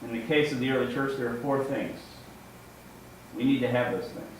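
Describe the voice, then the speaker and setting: A man delivers a conversational sermon, stumbling and restarting as he goes, often checking in with a short questioning tag. His voice carries through a very echoey room, picked up from some distance, with faint noise behind it. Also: mid-range voice. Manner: halting, with repeated words and restarts; ends points with checking tags like "right?" and "okay?". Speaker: lay preacher giving a first sermon. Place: large echoing indoor room, before a congregation.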